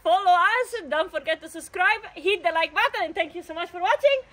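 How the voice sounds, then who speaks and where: A woman in her thirties talks casually to a camera. Her voice is very high and her manner upbeat and excited. She is outdoors, a short distance from the camera mic. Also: a little fast, over a noisy crowd. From Italy. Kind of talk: casual vlog chat to camera. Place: outdoors at a lakeside, a few steps from the camera.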